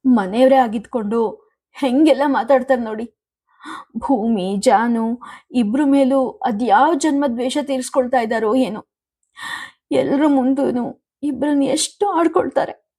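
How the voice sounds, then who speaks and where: Lady doing a soft worried older wife, kinda higher and pleading, storybook read-aloud. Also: fairly quick, close to an everyday voice. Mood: anxious.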